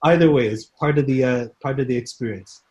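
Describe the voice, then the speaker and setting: Animated man telling fight stories. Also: medium pitch, a little fast. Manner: animated storyteller who acts out quoted people and laughs often. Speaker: Muay Thai instructor, podcast guest. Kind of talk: casual storytelling in a podcast interview.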